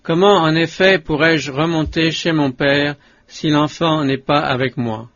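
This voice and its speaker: A man reading the part of Judah, a grown brother begging a powerful ruler, humble and imploring in a scripted audiobook. The voice sits a little high for a man. The recording sounds dull and lo-fi. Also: steady tone, a little slow, a bit bright, no room sound. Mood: pleading.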